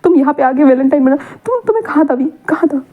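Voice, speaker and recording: A frantic, protective father who talks urgently and repeats himself, as a woman acts him out in a storybook reading. The voice is high, and the sound is thin and tinny. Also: lively intonation, fast talker. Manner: urgent, repetitive. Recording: tinny phone-like audio.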